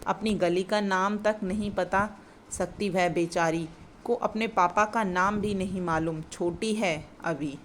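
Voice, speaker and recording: A kindly old letter box uncle from a children's play, as a woman reads the part. His lines are read in a plain, steady voice. A faint hum sits behind it. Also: fairly low pitch, takes it slowly. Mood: caring.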